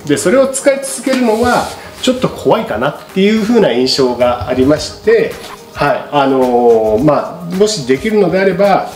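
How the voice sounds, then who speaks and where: A middle-aged man working as a shop presenter politely explains a product to camera in a casual, unscripted way. His voice is a little high and sing-song at a moderate pace. He's in a small indoor studio with a paper backdrop, with roomy echo and music behind.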